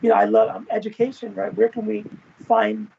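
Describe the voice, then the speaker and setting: Flat in delivery but fairly quick, this man's high-pitched voice carries vocal fry, with a little hiss or hum on a muffled video call. A former event manager and professor being interviewed, he speaks casually and at length, frequently tacking on "you know" and "right?"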